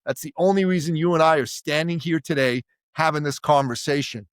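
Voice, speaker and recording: A middle-aged man from Iran tells his story with the sweep of a speaker on stage, building every point toward a big finish. His voice sits a little high for a man. It sounds dry and close, with no room around it. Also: fairly quick, no echo. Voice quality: emphatic, orator-like delivery. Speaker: podcast guest. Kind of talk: impassioned storytelling.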